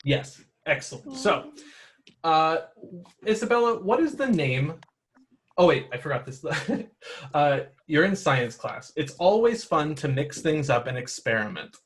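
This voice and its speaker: A man's voice: fairly high pitch, sing-song, unhurried. A man running a tabletop role-playing game for children, explaining the rules patiently and encouraging the players. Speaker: game master.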